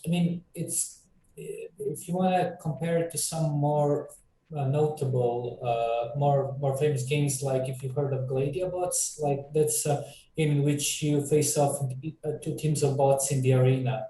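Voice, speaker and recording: Croatian man, dark voice, echoey room. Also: fairly high pitch, fairly even intonation, measured pace, far from the mic, slight background noise. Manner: hesitant, many fillers and restarts. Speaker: game developer guest. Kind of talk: casual interview talk.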